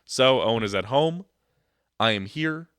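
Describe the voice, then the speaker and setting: A young man with a cold-stuffed nose hosts a casual sports podcast, rambling loosely and joking into his mic. His mid-range voice is expressive, unhurried, a bit bright, and clean. The recording is dry with clean studio sound.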